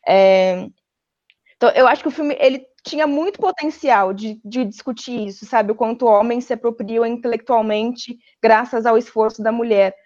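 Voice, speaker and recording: A woman's voice: on the high side, normal speed, darkish tone. Brazilian woman with lo-fi, muffled sound. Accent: Brazilian Portuguese. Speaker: panelist. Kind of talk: casual roundtable chat. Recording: dull lo-fi audio.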